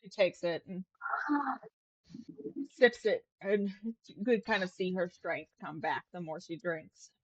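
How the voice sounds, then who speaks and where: Low-voiced woman game master. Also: takes it slowly, long pauses, dry recording, muffled recording. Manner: casual, meandering, filler-heavy. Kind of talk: narrating a tabletop game.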